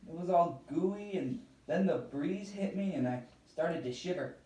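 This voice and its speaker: A man voicing an excitable, self-important childlike bird puppet in a children's skit. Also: fairly high pitch, measured pace. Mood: earnest storytelling. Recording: echoey room, distant mic.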